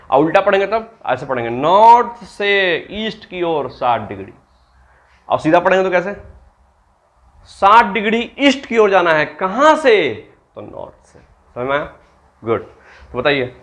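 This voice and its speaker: A man from Bihar, India, gives a maths classroom lecture in Hindi sprinkled with English terms. He asks the students questions and then answers them himself, and his voice is high-pitched and a bit bright.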